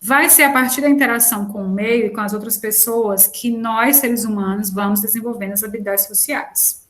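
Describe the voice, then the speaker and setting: A woman's voice: a little high, steady tone, a little fast, fairly bright tone. A woman giving an online lecture in a conversational way, with frequent fillers and restarts.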